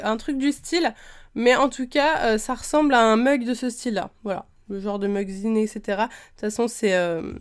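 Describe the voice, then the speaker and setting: A young woman from France talks through her collection in a relaxed vlog. Her voice sits a little high. She gushes, chats loosely and scatters fillers and slang as she goes. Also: smooth. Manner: gushing, chatty, full of fillers and slang. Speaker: YouTuber showing her collection. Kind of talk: casual show-and-tell vlog.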